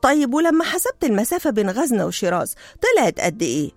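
A woman with an Egyptian Arabic accent voicing an excitable, doubting male royal vizier who protests insistently. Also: fairly high pitch, fast, no echo, faint music behind. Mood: alarmed. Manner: agitated and insistent.

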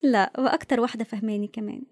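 A woman acts a lively, independent young Egyptian woman in a radio play. Her voice is high and extremely quick, recorded very dry. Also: no room sound, natural voice. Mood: affectionate. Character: lively, sardonic, self-reliant young woman photographer. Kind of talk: radio drama acting.

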